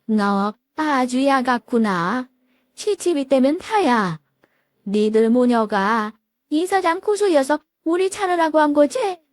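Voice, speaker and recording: A woman's voice: high voice, slow pace, dry recording, studio quality. A woman voicing a bossy, snobbish older mother-in-law who scolds and barks orders. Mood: scolding.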